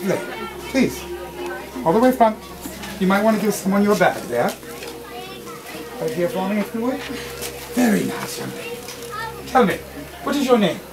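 A live show performer plays a grand, mysterious wizard wandmaker, speaking in a sing-song, mid-range voice. He is theatrical, addressing the audience and drawing out dramatic pauses. The recording is distant and captured at a live venue, with loud room noise from the crowd.

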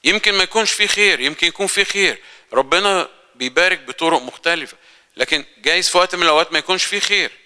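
Bright, crisp-voiced Egyptian man preaching. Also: high-pitched, rapid-fire. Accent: Egyptian Arabic. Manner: earnest, conversational preaching with rhetorical questions. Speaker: lay preacher. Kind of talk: sermon. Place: church hall. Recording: church hall reverb.

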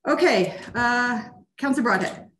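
A woman's voice: on the high side, expressive, measured pace, a bit bright. A woman mayor chairing a council meeting over a video call, asking careful clarifying questions. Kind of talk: formal meeting discussion.

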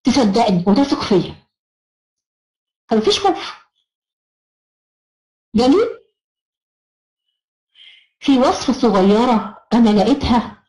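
A woman's voice: on the high side, warm tone, roomy sound, poor audio. A woman with an Egyptian Arabic accent giving an encouraging online self-help lecture, praising her students as she goes.

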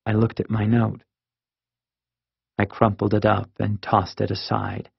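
Slow, gravelly man reading a children's book. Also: on the low side, completely flat delivery, no echo. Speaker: audiobook narrator. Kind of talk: scripted narration. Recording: dull lo-fi audiobook recording.

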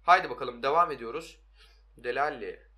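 A young man giving excitable, hoarse-voiced commentary on his own mobile football game, talking to his viewers and shouting at his players. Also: mid-range voice, brisk. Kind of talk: live gameplay commentary.

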